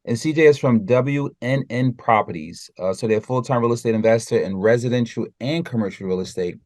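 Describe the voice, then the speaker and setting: A man's voice: medium pitch, a little fast, a little mellow, dry recording. A man in his forties hosting a real estate interview podcast, upbeat and welcoming, on a studio mic. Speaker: podcast host. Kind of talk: interview show intro. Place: home studio. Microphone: large studio microphone on boom arm.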